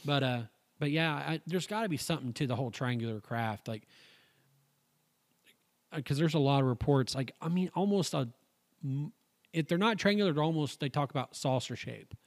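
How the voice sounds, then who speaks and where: A man's voice: fairly high pitch, lively intonation, normal speed. A man hosting a casual podcast, reading out stories and thinking aloud in a rambling, jokey way. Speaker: podcast host.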